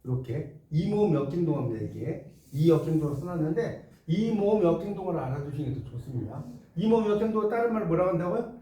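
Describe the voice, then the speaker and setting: A man giving a lively classroom lecture, chatting with students and asking them questions. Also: fairly high pitch, fast talker, hardly any pauses. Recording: roomy classroom sound, mic far off.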